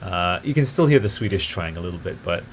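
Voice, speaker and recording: Man, fairly low voice, solo podcast host, rambling, enthusiastic, faint hiss behind. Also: lively intonation, fast. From grew up partly in Italy. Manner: rambling, enthusiastic, many fillers and tangents. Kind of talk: casual solo podcast talk.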